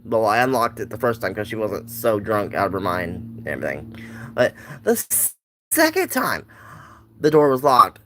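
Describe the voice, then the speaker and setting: A man's voice: lowish voice, big pitch swings, moderate pace, pushed and bright, a little hiss or hum. A young man casually telling a family story on a livestream, rambling and repeating himself while chatting to viewers. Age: young adult.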